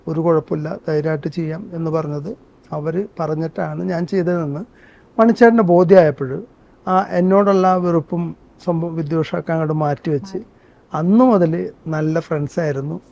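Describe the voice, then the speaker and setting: A man's voice: fairly high pitch, vocal fry, mellow. Earnest man telling stories. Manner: earnest storytelling, breaks into song. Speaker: interview guest, actor and singer. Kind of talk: conversational interview with sung excerpts. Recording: dull muffled sound.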